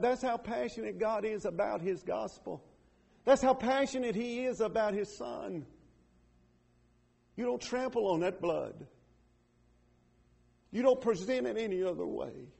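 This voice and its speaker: A middle-aged man preaching a sermon, swinging between loud emphatic declarations and quiet earnest appeals. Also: high voice, creaky, slightly rough.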